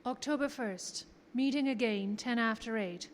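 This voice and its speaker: An actress playing a composed, dutiful young wife, reading her record in a precise, measured radio drama style. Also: a little high, a little hiss or hum, lightly acted. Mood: composed, solemn. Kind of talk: radio drama journal narration. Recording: reverberant theater stage, music behind.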